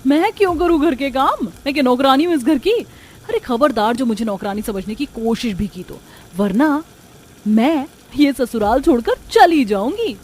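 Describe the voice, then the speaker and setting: A woman voicing a lazy, defiant young bride in a cartoon story, haughty and quick to threaten. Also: a little high, sing-song, a little mellow. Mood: shouting, haughty. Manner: haughty, threatening, raising her voice. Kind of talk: animated storybook dubbing.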